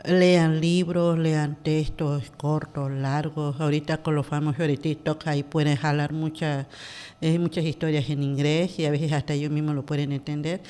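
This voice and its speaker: A woman's voice: low voice, flat delivery, normal speed, warm tone, clear, resonant tone. A woman, talking as a podcast guest in a hesitant way, full of fillers and restarts. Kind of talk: casual interview talk.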